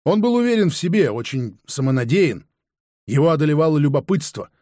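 A man narrating a first-person audiobook in a steady storytelling manner. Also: fairly high pitch, fairly quick, dry recording, studio quality.

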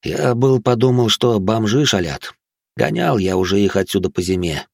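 A gloomy middle-aged beat cop, a little drunk, grumbling through his words, as an audiobook narrator puts him on. His voice is gravelly and low. The recording is dry and close. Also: lively intonation, moderate pace, no echo. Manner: grumbling, world-weary.

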